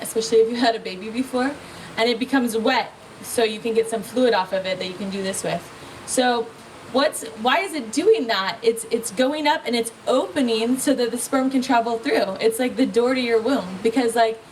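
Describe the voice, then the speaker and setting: A woman teaching natural birth control at a festival workshop, talking casually with lots of "like" and questions she answers herself. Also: fairly high pitch. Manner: casual, chatty, frequent "like" and rhetorical questions. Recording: distant mic with faint ambient noise.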